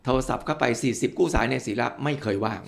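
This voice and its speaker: An older man speaking as an expert guest, his voice deeply gravelly and fried throughout. He talks at a brisk, quick clip, laying out his points through step-by-step examples and turning politely to the audience. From Thailand. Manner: explains with worked examples, politely addresses listeners. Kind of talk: explanatory interview talk.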